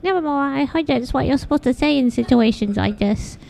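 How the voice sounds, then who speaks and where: A woman voicing a silly, timid, apologetic talking raven in a comic poetry reading, with meek, awkward delivery and a creaky voice. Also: sits high, a little fast, darkish tone.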